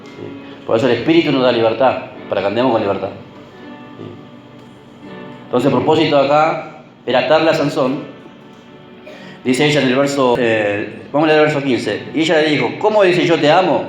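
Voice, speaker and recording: A man's voice: medium pitch, normal speed, pauses often, echoey room, soft background music, low-quality recording. A man preaching a sermon. He keeps checking in with the congregation through short tag questions and repeats words for emphasis.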